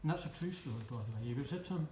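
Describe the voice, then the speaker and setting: A man's voice: a little high, lively intonation, rapid-fire, mellow. A man in his seventies gives a wedding speech, his slightly raised voice carrying a dry, self-mocking humour. His teasing asides ring through a roomy reception hall with faint background noise. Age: 70s. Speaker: wedding guest giving a speech.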